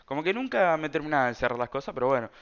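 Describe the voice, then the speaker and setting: A man's voice: on the high side, big pitch swings, rapid-fire, a bit bright, clean tone, dull audio. A man with an Argentine Rioplatense accent telling a personal story in a casual, rambling way, full of slang and fillers. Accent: Argentine Rioplatense Spanish. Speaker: storyteller vlogger.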